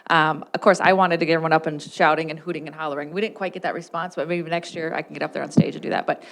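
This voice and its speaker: A woman school board member speaking haltingly, with many fillers, at a public board meeting. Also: deep voice, fairly even intonation, fairly bright tone.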